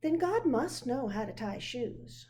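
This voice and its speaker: A woman reads a children's storybook aloud, giving voice to an earnest little girl who is curious and full of questions, filled with childlike wonder. Her pitch sits a bit high and swings widely, her pace is measured, and background noise can be heard. The mood is one of curiosity and wonder.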